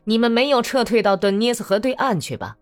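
A woman reads out a hot-tempered young Cossack man, his voice pitched high and swinging wildly as he sneers and hurls threats. The storybook delivery is lively and loud, with faint music underneath. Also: moderate pace. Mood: furious.

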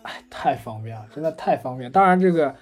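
A man co-hosting a casual podcast chat, telling anecdotes in a lively, chatty way. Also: on the high side, a little fast, soft background music. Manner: chatty storyteller, animated retelling of anecdotes. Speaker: podcast co-host. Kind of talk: casual chat about gadgets.

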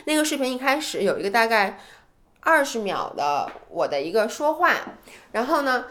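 A woman co-hosting a podcast in casual chat, animated and self-deprecating, speaking with a tinge. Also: fairly high pitch, moderate pace. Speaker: podcast co-host.

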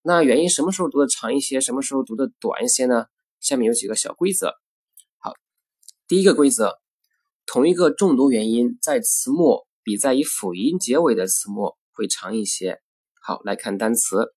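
A man teaching English pronunciation in a recorded lesson. He works through the rules step by step, using filler particles, and models English example words in a measured way. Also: medium pitch, lively intonation, darkish tone, husky, no room sound.

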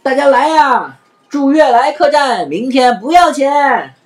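This is a sly, playful trickster man from a children's storybook, calling out loud and bright. His voice leaps high above a plain speaking voice and swings widely up and down. A woman reading the story acts him out. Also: huge pitch swings, normal speed. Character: clever witty trickster man, teasing.

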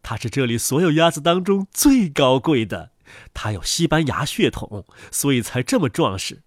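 A man's voice: mid-range voice, expressive, normal speed, no room sound, studio quality, lightly acted. A man voicing a fussy, bossy and doting mother duck in a storybook. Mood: lecturing. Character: proud bustling mother duck, female.

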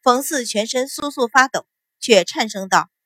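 A woman reads a dramatic novel aloud in a steady, vivid manner. Her voice sits fairly high and the recording is dry and close, with no room sound. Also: normal speed, no room sound. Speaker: audiobook narrator.

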